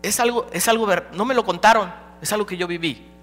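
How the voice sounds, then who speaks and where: A man preaching a dramatic personal testimony as a pastor, swinging between loud and hushed. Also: high-pitched, brisk. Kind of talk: sermon testimony. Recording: live hall recording with reverb and hum.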